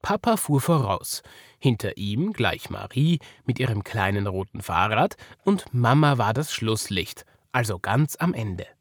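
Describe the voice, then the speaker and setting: Austrian guy reading a kids story, really lively voice, dry close recording. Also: on the low side, unhurried, no room sound. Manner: expressive, animated reading.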